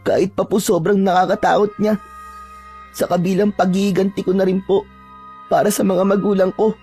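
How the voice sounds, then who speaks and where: A woman's voice: medium pitch, little pitch movement, fairly quick, breathy edge, soft background music. A woman voicing a young, earnest aswang pleading for help. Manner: respectful, earnest, soft-spoken pleading. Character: young aswang, polite, frightened, pleading for protection. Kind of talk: horror story voice acting.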